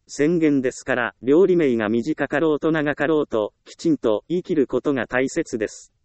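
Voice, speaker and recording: A man calmly narrating a self-help book, reading advice in an even, instructive way. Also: medium pitch, clean tone, dry recording.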